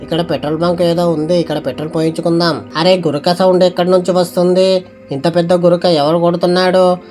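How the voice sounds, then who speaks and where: A man narrating gameplay in an excitable way, with many exclamations. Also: high-pitched, brisk, faint music behind.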